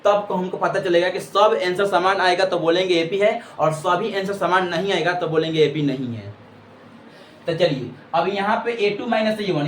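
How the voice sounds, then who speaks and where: High-voiced Bihari Hindi maths teacher. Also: male voice, far from the mic. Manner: keeps checking in with "ठीक है ना" and "कोई doubt"; calls students "Babu" affectionately. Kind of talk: board exam maths lesson. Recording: roomy echo, voice from off-mic, faint background noise.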